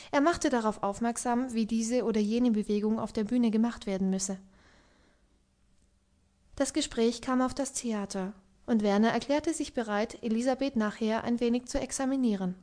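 A woman reading literary prose aloud as an audiobook narrator, in a calm, even way. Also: on the high side. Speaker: audiobook reader.

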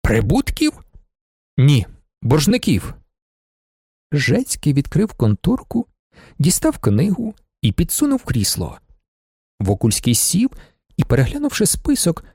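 A man reads an audiobook aloud, telling the story expressively. His voice is a little high and moves through a very wide pitch range. The sound is dry and close, with no room echo. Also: huge pitch swings, unhurried, vocal fry, darkish tone, slightly rough. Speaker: audiobook narrator. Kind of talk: scripted narration.

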